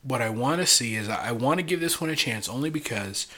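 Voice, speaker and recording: A man's voice: mid-range voice, expressive, fast, sharp tone. Man, co-host, casual chat, eager, rambling, long explanations.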